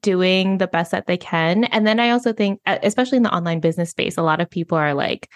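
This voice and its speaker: A woman's voice: on the low side, fast talker. A young adult woman hosting a podcast, talking in a chatty, casual way with frequent laughs and fillers. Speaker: podcast host. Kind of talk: casual conversational interview.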